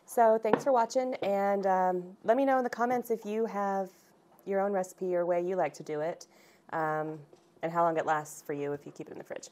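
A woman in her thirties casually talking through a recipe in her home kitchen, relaxed and chatty, picked up by a camera across the room. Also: medium pitch, moderate pace. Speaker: home cooking vlogger. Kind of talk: casual cooking demonstration.

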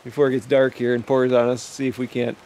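A man's voice: mid-range voice, little pitch movement, quick pace, a little mellow, slight background noise. A man filming a fishing trip, narrating casually outdoors and trailing off with easy chuckles. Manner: laid-back, chuckling, trails off. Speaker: fishing vlogger. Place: outdoors by rivers and a lake.

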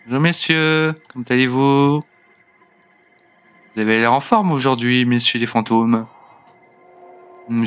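Male let's play host, young adult, mid-pitched, unhurried casual commentary addressed to his game characters. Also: a bit bright, clear, resonant tone. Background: faint game music.

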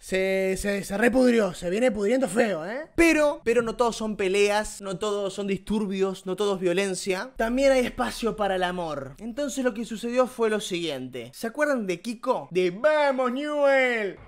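A man's voice: sits high, animated, moderate pace, hardly any pauses. Slangy, joking man reacting to clips. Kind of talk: comedic video commentary.

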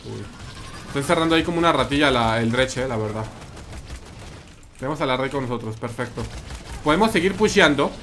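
A man's voice: medium pitch, lively intonation, a little fast, pauses often, fairly bright tone, a little hiss or hum. A man with a Mexican accent commenting live on his gameplay, chatting with viewers and repeating his phrases. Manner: chatty, repeats phrases, reads and answers chat. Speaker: streamer.

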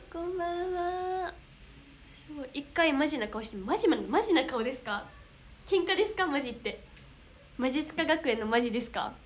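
A young woman with a Kansai accent talks to her viewers in a high, sweet voice. She chats casually, giggles often and gets flustered easily. A faint hiss sits behind her close-miked voice. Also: expressive, moderate pace, long pauses. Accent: Kansai Japanese. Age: young adult. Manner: bubbly, giggly, flustered exclamations. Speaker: idol livestreamer reading fan comments. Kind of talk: casual livestream chat.

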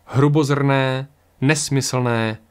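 A man voicing a calm, stern, mysterious card reader who speaks gravely and evenly. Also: medium pitch, close to an everyday voice.

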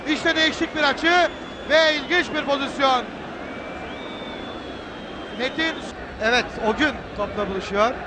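A very high-pitched man commentates on football, excited and given to screaming out goals. A loud stadium crowd roars behind him on a noisy nineties broadcast. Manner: excited, screaming goal calls. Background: roaring stadium crowd.

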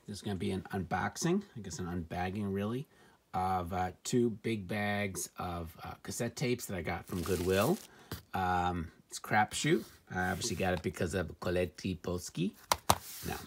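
A middle-aged reseller sits at a table in a room at home, giving casual, off-the-cuff commentary on his thrift finds with dry, wry, muttered asides. His voice is deep and animated at a normal speed, and the noisy home recording picks up handling clicks.

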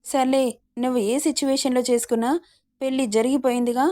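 A woman's voice: high voice, little pitch movement, fast, dark tone, no echo, lightly acted. A woman reading as a worried middle-aged aunt. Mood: chiding. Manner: pleading, worried.

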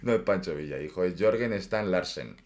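A man's voice: sits low, animated, normal speed, darkish tone. A man in his forties with an accent from Spain, hosting with casual, colloquial, playful chat. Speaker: host. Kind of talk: casual chat, unboxing commentary. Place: small room indoors at a desk. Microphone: desk microphone.

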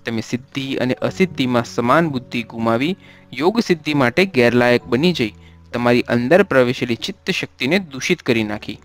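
A man voicing a steady, stern old ascetic. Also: medium pitch, moderate pace, soft background music, close to an everyday voice. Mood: admonishing. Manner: steady admonishing, then gentle.

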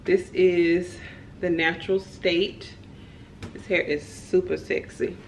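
A woman's voice: fairly low pitch, little pitch movement, takes it slowly, vocal fry, slight background noise. A young adult woman vlogging at home, chatting enthusiastically to her viewers as she shows off a wig. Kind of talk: casual product review vlog. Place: home kitchen and living room.

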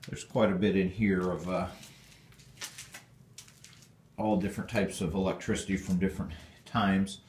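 Deep-voiced man touring his basement. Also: fairly even intonation, normal speed, long pauses, a little mellow, slight background noise. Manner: rambling, plainspoken, with fillers. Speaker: homeowner giving a basement tour. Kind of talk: casual walkthrough narration. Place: dark stone basement, indoors. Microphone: handheld phone camera. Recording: echoey basement room.

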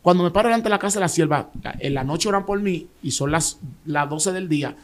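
A man with a Dominican accent giving an emotional personal testimony as an interview guest, telling his story in an animated way with restarts and repeated words. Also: on the high side, brisk. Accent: Dominican Spanish.

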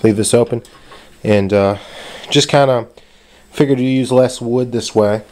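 A man with a medium-pitched, darkish voice speaks at a measured pace while walking viewers through his home repair in an easygoing, no-frills manner. He's a home DIY creator recording with a handheld camera or phone, and clicks and noise run through the audio.

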